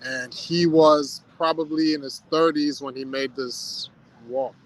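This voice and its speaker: A man's voice: on the high side, steady tone, unhurried, rough recording. A man chatting casually on a livestream, telling a story in a reflective way with lots of "you know" and "um".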